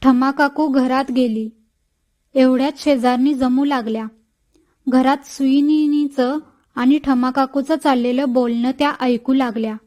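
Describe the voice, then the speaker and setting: A woman narrating an audiobook story in a measured storytelling manner. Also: high voice, fairly even intonation, a little mellow. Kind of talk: scripted narration.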